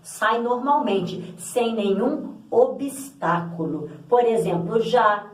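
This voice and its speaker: A woman's voice: medium pitch, moderate pace. A woman teaching a grammar lesson, explaining patiently and repeating example words aloud to stress them. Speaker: Portuguese language teacher. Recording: echoey room, voice from a distance.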